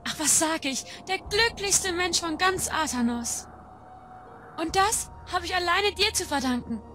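A woman's voice: very high-pitched, expressive, unhurried, pushed and bright, slight background noise, heavily acted. A woman voicing an earnest young village bride in a fan-made game mod. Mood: overjoyed. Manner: earnest, heartfelt.

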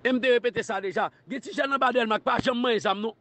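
A man with a Haitian Creole accent, making a defiant public declaration in a rhythmic, shouting delivery, from a played clip. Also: very high voice, fast talker, slight background noise. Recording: dull clip with loud crowd chanting.

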